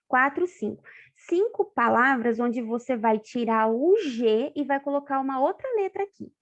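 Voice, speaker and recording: Brazilian woman teacher, kinda high voice, explains slow and checks in a lot, muffled online class sound. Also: gravelly. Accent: Brazilian Portuguese. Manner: patient, explains step by step with frequent checks like "tá?". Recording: dull lo-fi online class audio.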